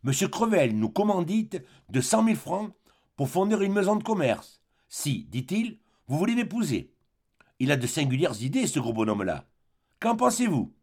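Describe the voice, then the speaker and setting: A man's voice: fairly high pitch, sing-song, normal speed, a little mellow, husky, pitched above the performer's own voice, heavily acted. A man putting on a bitter, possessive spinster woman. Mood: reproachful. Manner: pleading, possessive, reproachful. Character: bitter jealous spinster woman in her forties.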